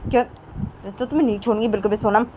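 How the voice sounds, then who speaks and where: A hot-tempered older woman who scolds in a raised, higher voice and keeps hammering the same questions, as a woman narrator puts her on. Traffic noise runs underneath the whole recording. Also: fast, close to an everyday voice. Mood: furious. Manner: loud, hectoring, repeats questions.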